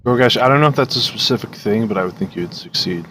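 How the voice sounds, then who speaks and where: A man's voice: mid-range voice, lively intonation, quick pace, pushed and bright, slight background noise. A man narrating a tabletop game as dungeon master in a casual, laughing way.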